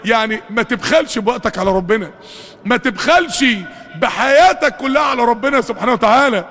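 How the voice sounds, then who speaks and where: A man's voice: extremely high pitch, expressive, fast talker, fairly bright tone. A man with an Egyptian accent preaching a fervent mosque sermon, full of rhetorical questions and calls to the congregation, recorded in a reverberant mosque hall. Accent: Egyptian Arabic.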